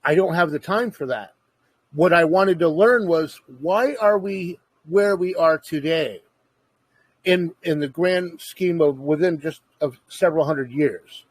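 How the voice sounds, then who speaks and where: A man's voice: a little high, a little slow, husky, no echo. A man in casual conversation, earnestly explaining his views at length in a lecturing way.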